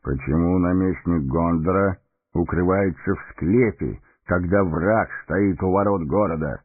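A man voicing a stern old male wizard who speaks in a measured, authoritative way in an audiobook. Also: sits low, husky, no echo, pitched above the performer's own voice, exaggerated voice. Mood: commanding. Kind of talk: audiobook character voice. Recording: narrow phone-like sound, faint music.

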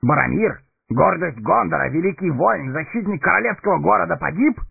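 A man voicing a proud, blunt male horse-lord captain in a gruff, gravelly, husky audiobook character voice. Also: on the high side, animated, normal speed, pitched above the performer's own voice, full character voice. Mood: earnest. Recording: tinny narrow-band recording, faint music.

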